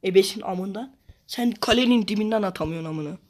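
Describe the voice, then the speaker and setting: Playing a football video game, a man delivers fast, casual gameplay commentary, swearing constantly and repeating the same phrases out of frustration. He flips between low muttering and sudden shouts.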